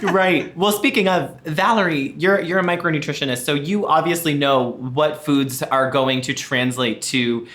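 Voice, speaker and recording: A man's voice: fairly high pitch, normal speed, few pauses, fairly bright tone. A man leads a panel discussion on a video call. He is upbeat and playful, chatting easily as he brings in each guest. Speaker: panel moderator.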